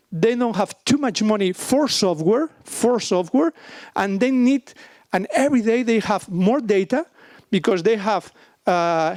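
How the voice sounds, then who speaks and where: Spanish guy doing a business talk in spanglishy broken english, highish voice, hunts for words, no room echo. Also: darkish tone, studio quality. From Barcelona, Spain. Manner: halting Spanglish: non-native English with Spanish slips and word-searching. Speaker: software company presenter. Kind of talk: business presentation with questions.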